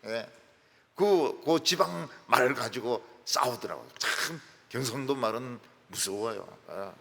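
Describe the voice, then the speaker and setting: A male pastor preaching a sermon with emphatic swings between loud peaks and soft drops. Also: medium pitch, expressive, slow, vocal fry, slight background noise. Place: church sanctuary. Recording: long reverb of a large church hall.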